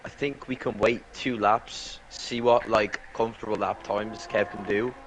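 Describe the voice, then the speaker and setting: Casting: male motorsport commentator's sidekick, lowish voice, casual hesitant analysis, noticeable engine noise behind him. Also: steady tone, a bit bright. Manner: tentative, halting delivery with many 'like' fillers. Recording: clearly noisy, engine sound behind the voice. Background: racing car engines from the game.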